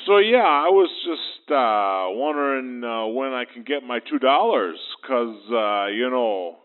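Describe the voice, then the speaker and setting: A man leaving a rambling, halting voicemail over a landline phone, full of fillers. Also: mid-range voice, animated. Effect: heard over a landline phone. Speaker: phone-in caller. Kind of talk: voicemail message to a radio show. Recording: tinny phone line.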